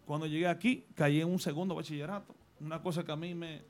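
As a guest in a radio studio, a Dominican man with a Dominican accent earnestly tells his personal story and offers advice. His voice is a little high, with fairly even intonation and a quick pace.

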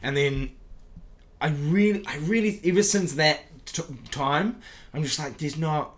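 A New man hosting a podcast, talking in casual chat with a halting, sweary delivery and many restarts. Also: on the high side. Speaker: podcast host and comedian.

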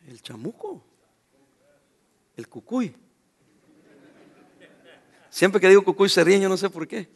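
A man preaching a lively sermon as pastor, talking straight to his congregation. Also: sits high, slow pace, long pauses.

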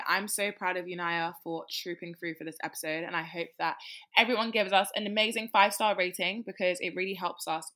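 A woman's voice: lowish voice, fairly bright tone. A British woman hosting a casual podcast, chatting in a slangy, emphatic way. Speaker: podcast host. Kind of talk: casual chat.

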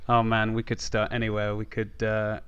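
A man's voice: lowish voice, completely flat delivery, normal speed, a bit bright, smooth, lo-fi sound. A man hosting a podcast, talking casually about sport. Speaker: podcast host.

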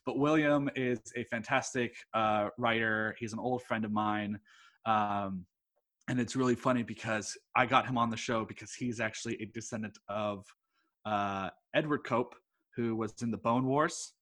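Fairly bright in tone and lowish in pitch, this man's voice moves at normal speed with fairly even intonation. He is in his twenties, from Texas, USA, and hosts a film podcast, here chatting casually as a guest on another one. He's enthusiastic and rambling, constantly saying "like" and "uh."

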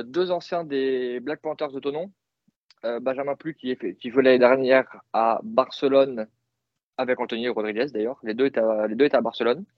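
A man's voice: mid-range voice, no echo. French guy chatting football, lots of euhs and restarts, dry dull sound. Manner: hesitant, many fillers and restarts. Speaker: podcast co-host. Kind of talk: casual sports chat.

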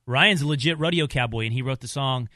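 A man's voice: mid-range voice, fast, sharp tone, no echo. A man hosting a radio talk show, chatting casually and joking with guests in the studio. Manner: joking, bantering, self-described country snob.

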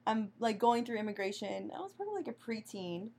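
A young American woman in a casual chat, telling lively, swear-filled stories that she often laughs through. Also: on the high side, brisk, breathy edge. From United States.

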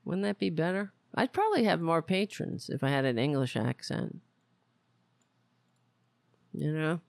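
A talk show host offers casual, rambling political commentary, wry, self-mocking, and exasperated, often halting and wandering onto tangents. The voice is medium in pitch and creaky, with lively intonation and no room sound.

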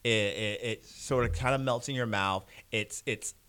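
A man's voice: lowish voice, normal speed, pushed and bright, smooth. A man co-hosting a podcast, chatting casually and enthusiastically, rambling with fillers and laughs. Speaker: podcast co-host. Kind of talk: casual chat.

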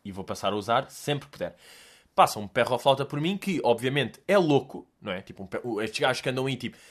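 A man's voice: medium pitch, lively intonation, fast. A young man with a Lisbon Portuguese accent, telling a rambling comic story as a podcast host, slangy and sweary, acting out bits. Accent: European Portuguese, Lisbon. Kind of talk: casual comedic monologue.

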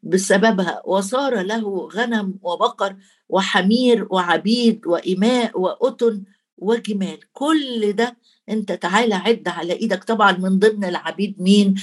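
A woman with an Egyptian Arabic accent delivers a Bible teaching sermon at a moderate, mid-range pitch. She talks conversationally and turns to her listeners directly. She recites verses in formal Arabic and stops now and then to find the right word. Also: normal speed. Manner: colloquial, addresses listeners directly; quotes scripture in formal Arabic. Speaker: preacher.

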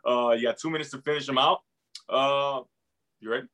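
A man's voice: mid-range voice, steady tone, brisk, pushed and bright. A man hosting a casual sports interview, informal and affirming, repeating himself for emphasis. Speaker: podcast host.

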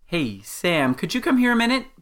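A man's voice: high voice, sing-song, normal speed, a bit bright. A man playing a breezy, boastful male professor in a comedic audio sketch, talking casually and offhand. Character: male professor, breezy, bragging monster hunter. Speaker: show host in comic intro sketch.

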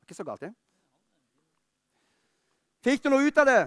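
A high-voiced man preaches with fervour, pressing hard and then easing into close, personal words. His tone is smooth and resonant, and the sound is dry and close to the mic, with little room around it. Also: big pitch swings, dry recording. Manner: fervent preaching that drops to quiet, intimate talk. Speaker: pastor. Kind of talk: sermon. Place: church.

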